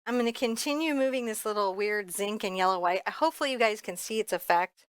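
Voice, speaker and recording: This painting teacher talks fast in a smooth, medium-pitched voice with no echo. Her step-by-step lesson is casual and informal, full of candid thinking aloud and rambling asides.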